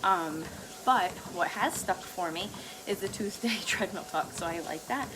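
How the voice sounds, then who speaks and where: A woman vlogger walks on a treadmill and rambles casually to herself, often laughing lightly between phrases. Her voice is lowish and a little slow, with background noise in the recording.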